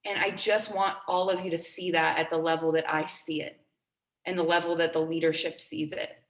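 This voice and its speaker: A woman's voice: deep voice, flat delivery, moderate pace, reverberant. Earnest young woman giving a pep talk. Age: 20s. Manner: earnest, upbeat, repeats key phrases for emphasis. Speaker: team trainer. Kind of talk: motivational talk to a team.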